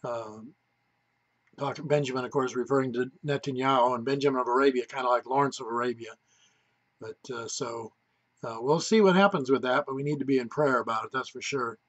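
Man, religious news commentary host, folksy, unhurried, lots of fillers, dull lo-fi sound. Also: mid-range voice. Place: home in Wake Forest, North Carolina. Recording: slightly dull lo-fi recording.

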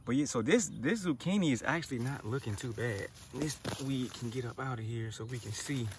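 A man giving a casual gardening walkthrough outdoors, slightly out of breath and talking in a relaxed, chatty way. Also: medium pitch, background noise. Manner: relaxed, chatty, thinking aloud with fillers. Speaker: gardening vlogger.

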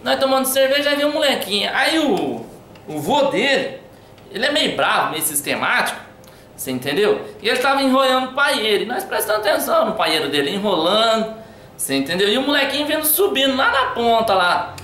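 Man, lively casual storyteller, bright tone, faint noise. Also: very high voice, a little fast, echoey room. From Brazil. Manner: lively, chatty, laughing. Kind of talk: casual anecdote telling.

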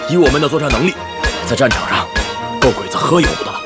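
A man's voice: mid-range voice, lively intonation, fast, loud music behind the voice, lightly acted. An actor playing an eager, confident young male officer in a TV war drama. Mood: upbeat. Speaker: soldier officer.

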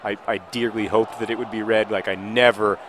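A man in his thirties talks over a football video game in a loose, rambling way, restarting sentences and trailing off. Now and then he breaks into loud, excited play-by-play. A faint noise sits under the recording. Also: on the low side, brisk. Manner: rambling, self-interrupting, bursts into excited play-by-play shouting. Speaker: gaming video host.

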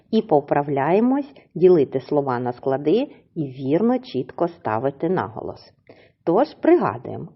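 A woman teacher giving a recorded video lesson to young pupils, speaking slowly and deliberately and drawing out example words syllable by syllable. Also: low voice, breathy edge, muffled recording. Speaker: primary school teacher.

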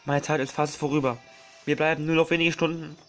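A man voicing a solemn, dying ancient male tree spirit from a video game, reading slowly in a raised, loud voice. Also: medium pitch, soft background music, natural voice. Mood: urgent.

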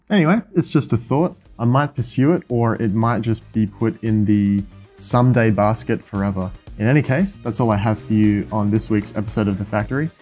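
A man's voice: on the low side, darkish tone. A young man with an Australian accent hosting a casual vlog in an indoor workshop, explaining electronics assembly with enthusiasm. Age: young adult. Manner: enthusiastic, explanatory, counting things out. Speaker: host.

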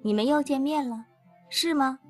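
A woman's voice: sits high, normal speed, faint music behind, lightly acted. A woman voicing a jealous, unstable young woman who questions her boyfriend in a tense, accusing way. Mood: suspicious.

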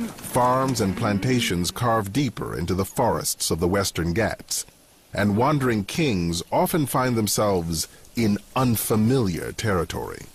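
A man reads scripted nature documentary narration in a measured, dramatic storytelling delivery. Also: lowish voice, background noise. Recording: music bed under the narration. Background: background music.

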